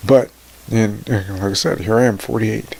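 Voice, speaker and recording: Man, forties, tearful, halting personal talk, gravelly, low-pitched. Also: fairly even intonation, darkish tone. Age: 40s. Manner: slow, halting and tearful, voice dropping to near whispers. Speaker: motivational vlogger. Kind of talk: emotional personal talk to camera.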